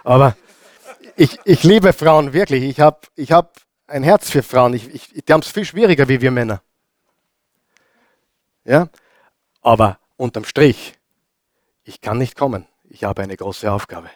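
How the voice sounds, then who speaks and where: A man with an Austrian German accent preaching a sermon as pastor. He hammers home repeated phrases, asks the congregation questions, and swings between loud and hushed delivery. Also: medium pitch, a little slow, pauses often, no room sound, clean studio sound.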